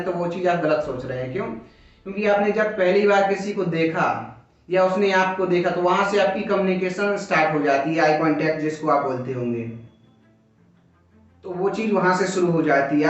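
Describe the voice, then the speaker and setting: With a high-pitched voice and an Indian accent, a teacher lectures informally in a blend of Hindi and English, asking questions and then answering them himself like a coaching instructor. It's recorded in an echoey room on a distant mic, sounding dull, with music behind.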